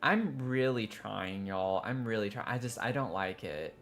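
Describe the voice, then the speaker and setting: Male streamer, Southern accent, slightly low register, chatty and self-interrupting, soft music under. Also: expressive, unhurried. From Tennessee, US. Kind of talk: casual live-stream chat while building in a game.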